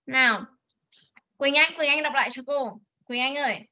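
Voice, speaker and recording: A woman teaching an online English class, drawing out model words slowly for pupils to repeat. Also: high voice, bright, forceful tone. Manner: slow drawn-out model words for repetition, coaxing. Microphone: video call. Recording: lo-fi video call audio.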